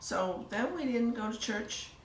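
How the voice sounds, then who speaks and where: An older woman telling her story in a casual interview, soft-spoken and trailing off into near-whispers. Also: a little high, animated, unhurried, slight background noise. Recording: echoey room, mic at a distance, faint ambience.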